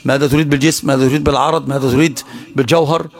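A man's voice: medium pitch, fairly even intonation, very fast. A man with an Egyptian Arabic accent, a sheikh teaching a religious study lesson and quizzing his listeners with rhetorical questions. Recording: live class with audience noise.

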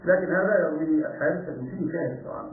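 Fast-talking man teaching in echoey room. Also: fairly high pitch, a little hiss or hum. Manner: chants demonstration phrases slowly, drawn out; frequent throat clearing and fillers. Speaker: religious teacher. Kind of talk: hadith lesson. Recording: echoey, distant, phone-like lo-fi audio.

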